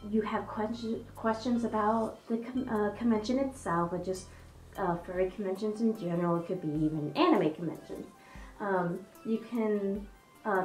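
A young woman talks to the camera in a bubbly, casual vlog, full of fillers and restarts, her medium-pitched, darkish voice muffled by a fursuit head. She's in a small indoor room that echoes, with faint music in the background.

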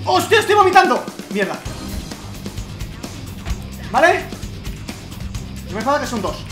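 A man from Spain giving excitable let's play commentary, shouting and swearing at the game. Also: very high-pitched, a little slow, reverberant, music in the background. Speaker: gamer.

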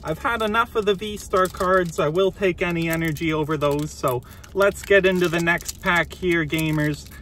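Chatty high-voiced man vlogging from his car. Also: moderate pace, hardly any pauses, fairly bright tone, slight background noise. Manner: chatty, easygoing, addresses viewers as gamers. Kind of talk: casual pack-opening vlog. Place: inside a parked car.

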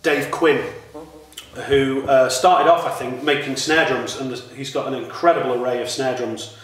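A British man, a drummer, talking casually about his gear in a relaxed way, with many ums and restarts. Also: mid-range voice, normal speed, recorded from a distance. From United Kingdom. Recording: echoey room, mic some way off.

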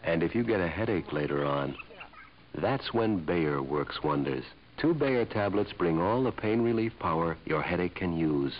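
A man's voice: deep voice, animated, normal speed. A man giving scripted commercial narration in the style of a 1960s TV broadcast. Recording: muffled old TV film soundtrack.

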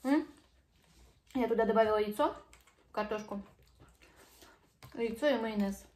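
A woman's voice: on the high side, normal speed, a little mellow. A young woman talking casually as she eats and chews, like a mother hosting a family mealtime vlog at home. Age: young adult. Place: living room at home, indoors. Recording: home recording with clear background noise, clicks.

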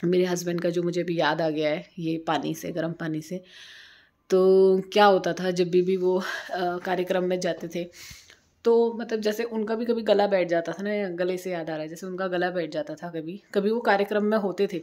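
Woman in her thirties, lowish voice, rambling home vlog chat, indoors by a window. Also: fairly even intonation, normal speed, darkish tone. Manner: rambling, chatty, repeats herself. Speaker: vlogger and single mother. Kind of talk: casual chat to camera.

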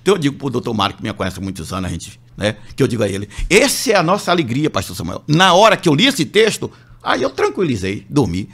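On a radio show, a Brazilian pastor tells his testimony in an animated way, acting out the voices of the people in his story. His medium-pitched voice is slightly rough, and he talks fast.

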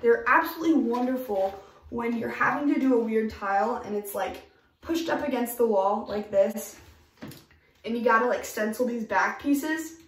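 Young woman vlogging diy tips, upbeat and emphatic, kinda high voice, echoey bathroom. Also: normal speed, far from the mic. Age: young adult. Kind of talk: casual tips vlog. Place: home bathroom, indoors.

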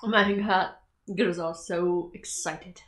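Unhurried young woman reacting to anime. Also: lowish voice, fairly even intonation, a bit bright. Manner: chatty, giggly, talks back to the screen. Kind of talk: casual reaction commentary. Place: small bedroom, indoors.

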